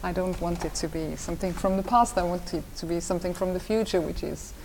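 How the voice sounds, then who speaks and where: Her voice sits on the low side and is a little mellow, and she talks fast, though her interview answers come out hesitant and stop-start. The Austrian-accented designer and design teacher keeps repeating words and restarting. Faint ambient noise carries through the reverberant room.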